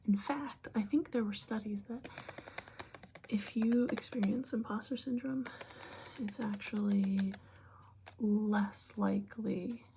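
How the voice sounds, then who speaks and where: A woman giving a breathy, whispered and very soft-spoken ASMR pep talk, speaking informally and gently to the listener. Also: medium pitch, steady tone, slow pace, pauses often, slight background noise. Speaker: ASMR creator giving advice.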